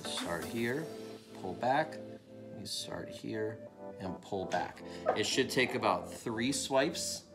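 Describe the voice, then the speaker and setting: Speaking slowly and with animation, this pastor in his thirties has a voice on the low side as he patiently guides kids through a playful how-to at his home dining table. He repeats every instruction while music plays in the background, recorded by a camera set on the table.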